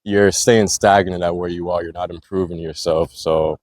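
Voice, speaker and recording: A man's voice: low-pitched, moderate pace, slight background noise. A man, a military veteran, talking casually as a podcast guest, loose and filler-heavy. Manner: relaxed, loose, lots of "like" and "you know". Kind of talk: casual conversation. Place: gym.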